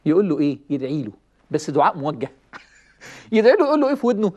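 Egyptian guy preaching fast, animated storyteller, chuckles a lot. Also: fairly high pitch, highs cut off. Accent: Egyptian Arabic. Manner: animated, chuckling, acts out quoted lines. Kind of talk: lively religious talk with storytelling.

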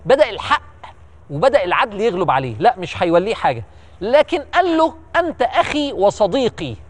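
A man with an Egyptian accent telling history as an animated, emphatic storyteller who repeats words for effect. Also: sits high, fast. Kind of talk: lively storytelling lecture.

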